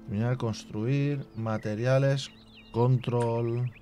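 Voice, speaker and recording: A man hosting a casual let's play, reading game menus half to himself and chatting to his viewers with relaxed asides. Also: mid-range voice, slow, soft background music. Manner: chatty asides to viewers with filler tags like "tío". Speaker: gaming channel host.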